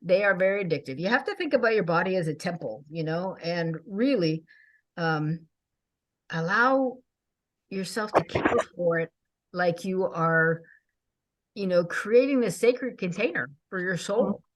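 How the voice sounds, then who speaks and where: Chatty woman in her sixties, low-pitched. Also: lively intonation, a little slow. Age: 60s. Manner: enthusiastic, chatty, laughs often. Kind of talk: casual chat.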